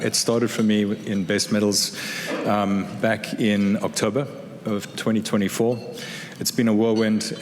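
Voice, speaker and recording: Low-voiced man giving an enthusiastic corporate keynote. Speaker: chief executive giving a keynote. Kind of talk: semi-scripted business keynote speech. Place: large indoor event hall, on stage. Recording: echoey hall with clear background noise.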